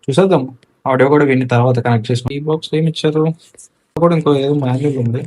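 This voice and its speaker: A Telugu-accented man talks fast in a medium pitch with a somewhat dark tone, over faint background noise. He's a gear reviewer doing a relaxed unboxing and installation walkthrough, dropping English technical terms into his speech.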